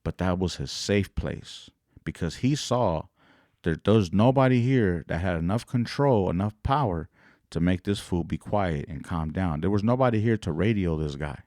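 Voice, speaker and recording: Brief: low-voiced man, slangy rambling podcast commentary, dry close sound. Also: animated, moderate pace, a little mellow, no room sound. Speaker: podcast host. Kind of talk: casual commentary.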